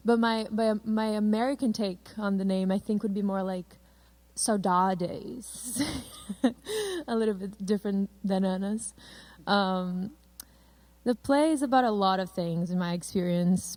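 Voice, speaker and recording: A woman, a theater director, speaking gently in an interview. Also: medium pitch. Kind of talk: casual interview talk.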